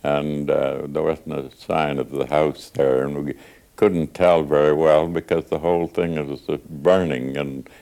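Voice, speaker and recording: An older man recalling his past in an archival oral-history interview, halting and pausing with fillers. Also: rumbling low, fairly even intonation, gravelly, warm tone. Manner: halting, with frequent pauses and fillers.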